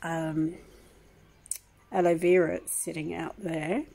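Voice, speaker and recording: A woman's voice: fairly low pitch, flat delivery, slow pace, creaky, warm tone, low-quality recording. An older woman, rambling and aggrieved as she tells a long personal story in a casual home vlog, with many ums and restarts. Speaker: vlogger. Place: home kitchen.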